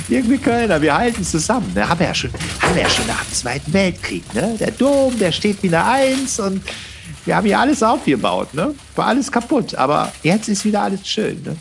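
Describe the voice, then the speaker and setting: Ein Mann spielt eine gesprächige ältere Kölnerin mit Kölner Akzent, die fröhlich drauflosplaudert und ständig „ne?“ anhängt. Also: male voice, sits high, sing-song, fairly quick, gravelly, noisy background, heavily acted. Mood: chatty. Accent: Cologne. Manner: chirpy, folksy, ends every phrase with "ne?". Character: chatty elderly female Cologne resident.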